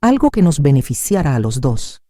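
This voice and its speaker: A woman's voice: low voice, sing-song, moderate pace, warm tone, no room sound, clean studio sound. A woman reading aloud the lines of a pushy, leering male employer in a storybook tale, in an insinuating manner. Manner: smug, insinuating, then cold and threatening.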